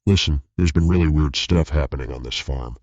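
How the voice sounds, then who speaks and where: A man's voice: very deep voice, brisk, a little mellow, husky, no echo, exaggerated voice. A man voicing a frightened young woman who pleads urgently in a spoken horror story. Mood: pleading. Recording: dull lo-fi recording.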